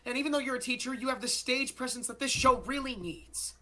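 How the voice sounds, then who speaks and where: Actor doing a hyper drama director, rushes every line, super eager. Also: high voice, steady tone, pushed and bright. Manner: rushed, breathless enthusiasm. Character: eager theater-obsessed school drama director.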